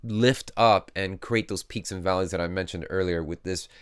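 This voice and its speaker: A man's voice: sits low, normal speed, clear, resonant tone. A man who is a music producer, talking casually through his process as he works. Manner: relaxed, explains as he works. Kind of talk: casual tutorial talk.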